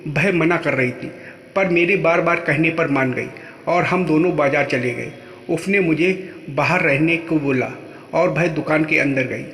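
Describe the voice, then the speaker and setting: A man telling a first-person story in plain, steady narration. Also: a little high, unhurried, a little hiss or hum. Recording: echoey room with long reverb.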